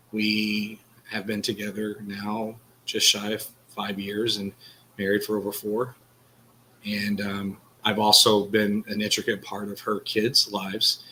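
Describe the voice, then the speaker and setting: A man's voice: on the low side, pushed and bright, slight background noise, poor audio. A man with a Texan accent, co-hosting a podcast and talking earnestly in a rambling, casual way. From Texas. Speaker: podcast co-host. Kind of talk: casual candid conversation.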